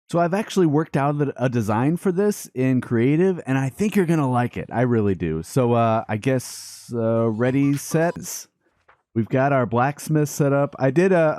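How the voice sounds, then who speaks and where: In a dry recording, a man with a warm, mid-range voice hosts a gaming let's play. He keeps the commentary upbeat and casual, chatting playfully with both his viewers and the game's characters.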